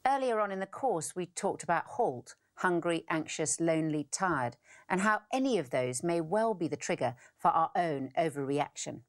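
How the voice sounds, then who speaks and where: Co-presenter: woman, low and lively, scripted course narration. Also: moderate pace.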